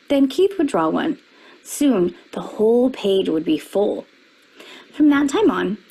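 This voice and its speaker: With a slightly husky voice, a woman reads a children's picture book aloud, expressively raising her pitch for the characters' spoken lines. The recording is rough.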